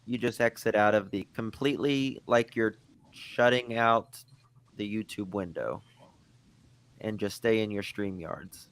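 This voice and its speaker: A man's voice: lowish voice, a little slow, smooth. A man hosting a casual live stream, patiently walking a guest through steps. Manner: gives patient step-by-step directions to a guest.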